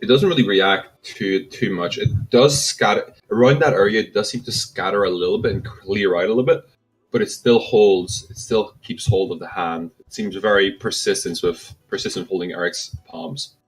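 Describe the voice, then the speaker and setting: Low-voiced man running a tabletop game. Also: normal speed, rough recording. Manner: hesitant, many ums, laughs easily. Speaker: game master. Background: faint background music.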